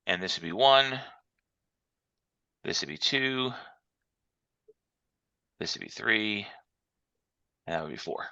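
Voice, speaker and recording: Bright-voiced man teaching over a conference call. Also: on the low side, lively intonation, slow pace, creaky, long pauses, smooth, dry recording. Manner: walks through examples step by step. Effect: heard over a conference call. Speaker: instructor. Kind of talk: online class lecture. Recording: muffled, dry call audio.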